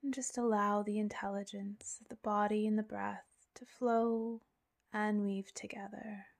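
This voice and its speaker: A woman softly narrating a guided relaxation like a sleep story, half-whispering with long pauses. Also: medium pitch, little pitch movement, vocal fry.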